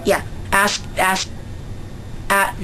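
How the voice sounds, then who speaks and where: A woman's voice: mid-range voice, completely flat delivery, extremely slow, pushed and bright, slight background noise, rough recording. A young woman from Central Canada with a Canadian accent, chatting casually in a vlog, hesitant with many fillers and restarts. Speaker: vlogger. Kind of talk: casual dialect-survey vlog.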